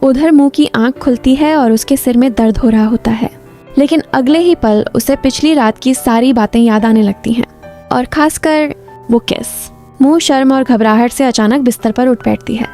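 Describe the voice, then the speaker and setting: A woman narrating a drama recap in a smooth, even storytelling delivery. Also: fairly high pitch.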